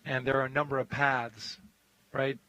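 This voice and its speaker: Man, live launch commentary, bright crisp edge, mid-range pitch. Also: flat delivery, normal speed, poor audio.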